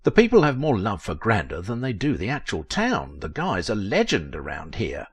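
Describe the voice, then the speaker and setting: A man doing a calm sensible male adviser. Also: lowish voice, normal speed, slightly rough, dry recording, heavily acted. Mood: reasoning. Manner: reasonable, level.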